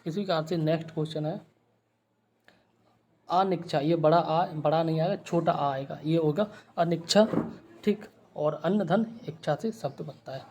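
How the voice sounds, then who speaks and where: A man with a fairly high voice teaches Hindi spelling one word at a time. He spells letters out slowly and checks in after every point. A faint hiss of background noise sits under his voice. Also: a little mellow. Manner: explains word by word, repeating "ठीक" after each point.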